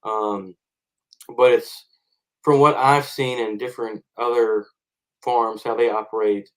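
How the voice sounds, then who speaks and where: A man's voice: medium pitch, fairly even intonation, a little slow, low-quality recording. A man, a farmer guest on a podcast, explaining and telling stories casually.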